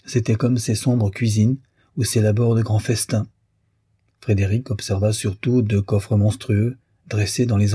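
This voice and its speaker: A man reads a classic novel aloud in a measured, steady way. His voice sits low and is very dark and husky. The recording is dry and close, with no room sound. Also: dry recording. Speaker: narrator. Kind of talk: audiobook reading of a classic novel.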